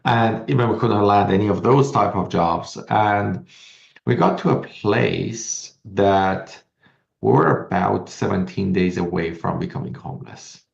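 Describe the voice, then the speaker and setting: A middle-aged man from Iran, a guest entrepreneur telling his story in an interview in earnest, fast bursts with restarts. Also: lowish voice, creaky. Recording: echoey, dull lo-fi sound.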